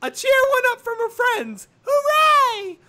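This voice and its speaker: Squeaky, extremely high Mickey Mouse voice. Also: female voice, sing-song, pushed and bright, a little hiss or hum, heavily acted. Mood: squeaky, chipper. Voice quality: strained, squeaky. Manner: squeaky Mickey Mouse-style falsetto, slow storybook delivery. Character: cartoon mouse, squeaky and cheerful, reading a story. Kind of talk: comic fan fiction read-aloud.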